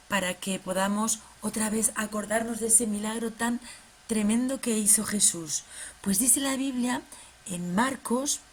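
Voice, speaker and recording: A woman presenting children's ministry, telling a Bible story to a puppet in a lively, halting way. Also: on the high side, a little hiss or hum. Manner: animated storytelling, many restarts.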